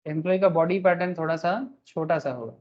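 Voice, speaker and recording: A man's voice: on the high side, fast talker. A man teaching a joking tax class, lo-fi. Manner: joking, self-mocking, calls students "sir"; mixes English terms into teaching. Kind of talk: online class lecture.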